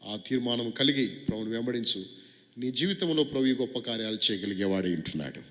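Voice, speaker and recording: Bright-voiced preaching man in a reverberant hall. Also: medium pitch, lively intonation, fast talker. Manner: impassioned preaching, swinging between loud exhortation and hushed pleading. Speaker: pastor. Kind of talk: sermon and prayer.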